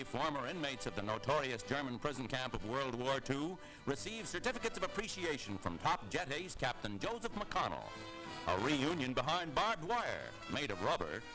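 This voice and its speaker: A man narrating a 1950s newsreel in a brisk, showy announcer manner, heard from an old newsreel soundtrack. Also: mid-range voice, poor audio. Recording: old newsreel narration over loud music.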